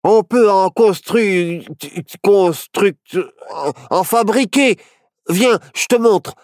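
A woman's voice: mid-range voice, slow, a little mellow, no echo, studio quality, pitched above the performer's own voice, natural voice. A woman voicing a handy young boy in a storybook who stammers and hesitates. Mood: hesitant.

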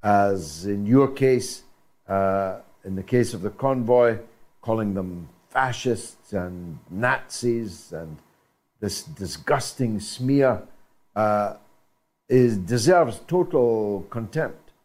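Older man, unhurried call-in host, pauses a lot, firm emphasis. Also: on the low side, lively intonation, darkish tone. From Britain. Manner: deliberate, many uh pauses, emphatic. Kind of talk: radio phone-in talk.

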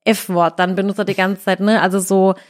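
Woman, 30s, podcast host, casual chat, chatty storyteller, middle pitch. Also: level tone, a little fast. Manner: chatty storyteller, many fillers and acted-out quotes.

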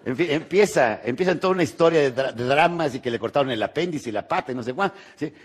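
Joking Mexican motivational speaker. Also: male voice, mid-range voice, animated, fast talker. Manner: jokey, rhetorical, checks in with "¿sí?"; swings between loud bursts and quiet asides. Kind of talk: live motivational conference talk. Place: conference hall with live audience.

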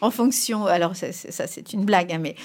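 Her native language is Spanish, and this middle-aged woman is interviewed as an expert, answering emphatically with upward jumps in pitch on key points. She talks a little fast, and her voice is slightly mellow.

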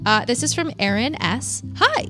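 A woman hosting a podcast in casual, chatty style with vocal fry, often dropping in "like" as she gives advice. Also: medium pitch, moderate pace, fairly bright tone, soft background music. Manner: casual, peppered with "like". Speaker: podcast host.

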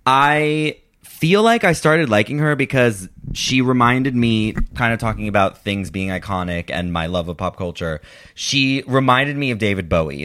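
Low-voiced man in his twenties, chatting casually. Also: fairly bright tone. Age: 20s. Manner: hesitant phrasing with frequent "like". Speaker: podcast guest. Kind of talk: casual chat.

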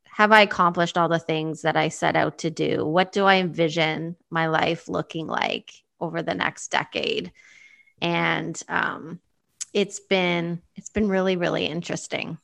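A woman's voice: fairly low pitch, lively intonation, measured pace, vocal fry, fairly bright tone. A woman in her fifties, answering interview questions thoughtfully and with some hesitation. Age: 50s. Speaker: guest.

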